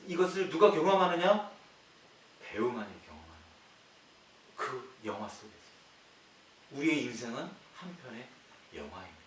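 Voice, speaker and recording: A male pastor preaching a sermon, posing rhetorical questions to the congregation and swinging between loud emphatic lines and quiet low ones. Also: big pitch swings, moderate pace, pauses often. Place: church sanctuary. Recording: echoey hall, distant mic, faint hiss.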